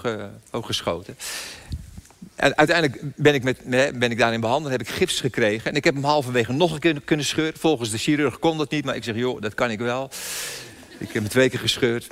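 An older male pastor delivers a sermon and tells a personal story with emphatic pauses and repeated phrases. His voice sits at an ordinary middle pitch. Long reverb from a church hall trails behind each phrase. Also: a bit bright.

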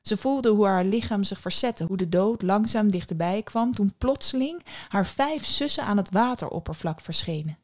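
Woman storyteller, measured fairy-tale reading, calm and even. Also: mid-range voice.

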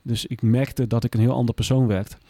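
A man's voice: mid-range voice, flat delivery, fairly quick, warm tone, no echo. A man in a candid interview who speaks bluntly and plainly and often swears. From Groningen. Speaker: guest, former police officer.

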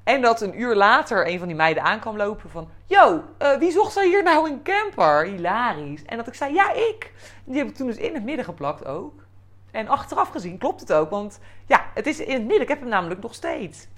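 Animated Dutch woman telling a story. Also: mid-range voice, a little fast. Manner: animated, lively quoting with bursts of swearing. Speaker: podcast host. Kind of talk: personal storytelling.

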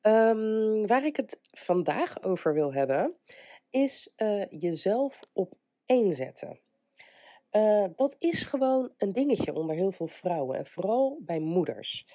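A woman's voice: mid-range voice, sing-song, slow, dark tone, no room sound. A woman hosting a casual motivational podcast, chatty and hesitant. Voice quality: congested voice from a cold. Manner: chatty, hesitant, breaks into small laughs. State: getting over illness, stuffed up with a cold. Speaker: podcast host.

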